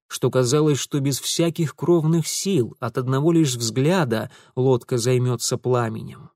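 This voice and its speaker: Brief: male reader, audiobook, animated pitch, dry close mic. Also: no echo. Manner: expressive storytelling. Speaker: narrator. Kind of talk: audiobook narration.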